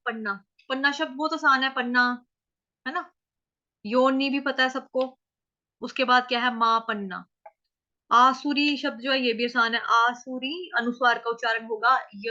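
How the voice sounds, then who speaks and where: A woman with an Indian accent teaching Sanskrit verse pronunciation in casual Hindi, chanting lines slowly and splitting words into syllables. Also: a little high, pushed and bright, highs cut off. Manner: conversational, checks understanding often.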